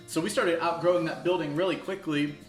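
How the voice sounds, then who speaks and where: A man's voice: a little high, fairly even intonation, fairly quick. Man, 30s, pastor, casual storyteller, self-deprecating, echoey room, faint music. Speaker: campus pastor. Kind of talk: casual interview over food.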